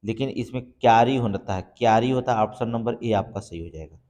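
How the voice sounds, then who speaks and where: A man's voice: mid-range voice, fairly quick, darkish tone. A man teaching exam preparation, walking through each answer step by step and confirming it with a repeated check. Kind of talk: exam-prep lesson. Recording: long reverb in the room.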